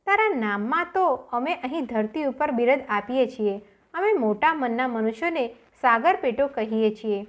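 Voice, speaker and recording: A woman reading a desperate pious village man. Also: on the high side. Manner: urgent calling, earnest prayer.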